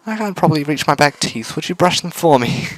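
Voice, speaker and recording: A man's voice: fairly high pitch, lively intonation, fairly quick, no echo, voice pushed up, natural voice, low-quality recording. A man voicing a cheerful young female robot girl who talks politely and formally, as in a visual novel read aloud. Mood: playful.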